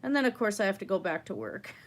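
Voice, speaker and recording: A woman's voice: mid-range voice, very animated, brisk. A woman with a slightly wheezy breath, chatting casually as she hosts an art livestream. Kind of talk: casual chat while painting.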